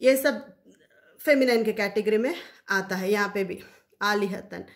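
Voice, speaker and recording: A woman's voice: mid-range voice, unhurried. A woman teaching Quranic Arabic grammar in a casual explanatory lesson, often repeating key terms for her listeners.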